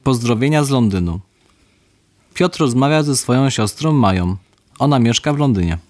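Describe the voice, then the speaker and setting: A man reading a scripted language lesson dialogue in with a measured, neutral delivery. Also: mid-range voice, lively intonation.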